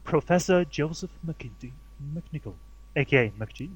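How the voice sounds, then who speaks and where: A man's voice: a little high, expressive, a little slow, breathy edge, dry recording. A man co-hosting a casual chat, offhand with dry remarks. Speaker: podcast co-host.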